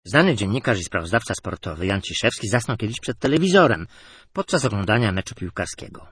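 A man narrating humorous anecdotes in a lively storytelling delivery. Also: on the low side, brisk, breathy edge, no echo, clean studio sound.

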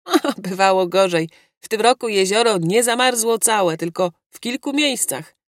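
A woman's voice: mid-range voice, normal speed, no echo, studio quality, close to an everyday voice. A woman reading a cheeky male secretary. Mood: teasing. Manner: cheeky, bantering. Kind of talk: audiobook character reading.

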